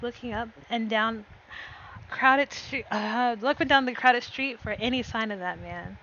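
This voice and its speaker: A woman narrates a visual novel in first person for her stream, her voice high and bright. She reads in a lively way and trips over words, correcting herself as she goes. The home mic sounds slightly dull, with faint noise behind her.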